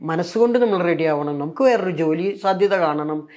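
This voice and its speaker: A woman's voice: on the low side, moderate pace. An older woman from Kerala with a Malayalam accent, telling her story in an interview and acting out what others said. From Kerala, India. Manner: animated, acts out quoted voices, frequent fillers. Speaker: interviewee, former nun. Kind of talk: conversational storytelling.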